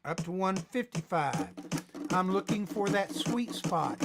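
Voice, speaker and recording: A man teaching a ukulele lesson on a live stream, talking in a relaxed way while he plays and calls out tempos. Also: sits high, a little slow, heavy background noise. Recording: loud ukulele playing under the voice.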